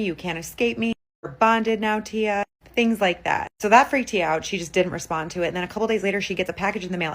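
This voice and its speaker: A woman's voice: on the low side, low-quality recording. A woman narrating a spooky story in a casual, chatty way, full of filler words. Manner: chatty, lots of "like" fillers, acts out quoted lines.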